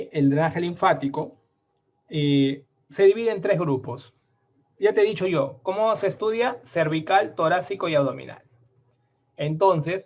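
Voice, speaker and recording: Lively man lecturing on surgery. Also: a little high. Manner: lively, colloquial, keeps asking ¿ok? and ¿ya?. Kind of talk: medical exam-prep lecture.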